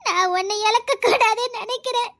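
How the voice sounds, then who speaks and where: A woman's voice: very high-pitched, brisk, a bit bright. A woman with a Tirunelveli Tamil accent playing a stubborn, devoted young woman in a comedy skit, pleading and teasing. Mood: tearful, pleading. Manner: tearful pleading turning to playful teasing. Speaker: lead character in a comedy skit. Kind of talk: melodramatic skit acting.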